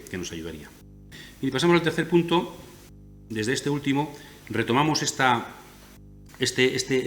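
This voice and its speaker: A man from Spain with a Castilian accent giving a conference lecture, explaining his points step by step with frequent rhetorical "¿no?" tags. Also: a bit bright. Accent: Castilian Spanish. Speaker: lecturer on biblical theology. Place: conference hall. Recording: echoey hall with faint rumble.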